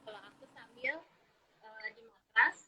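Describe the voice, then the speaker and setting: A woman's voice: a little high, a little slow, heavy background noise. A woman yoga teacher patiently explaining step by step, her audio breaking up on a choppy live connection. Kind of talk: explaining on a live video chat. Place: seated on a yoga mat. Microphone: phone on a live video stream. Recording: dull lo-fi live stream audio.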